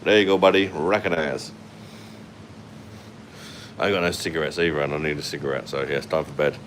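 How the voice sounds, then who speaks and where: A London host with a very low voice reads viewer comments on a loose livestream from a hotel room at night, holding the phone at arm's length as an air-conditioner hums faintly. His manner is blunt and sweary, with frequent laughter. The intonation is fairly even, the pace fairly quick, and the tone fairly bright.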